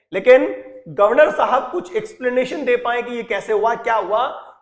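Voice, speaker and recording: A man teacher explaining an English story lesson, reading lines aloud and acting out the characters' speech in an animated way. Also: high-pitched. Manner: switches between reading English text and explaining.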